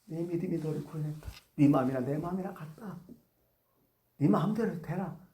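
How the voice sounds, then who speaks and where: A man voicing Jesus as a calm, gentle grown man, speaking slowly and softly in a sermon. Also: on the high side, reverberant, natural voice. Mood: tender.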